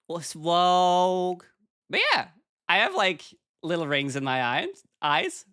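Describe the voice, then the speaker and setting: A woman's voice: lowish voice, expressive, slow, a bit bright, clear, resonant tone, no room sound, studio quality. A woman with a cute, cheery anime-streamer delivery, chatting casually with viewers on a livestream as a VTuber.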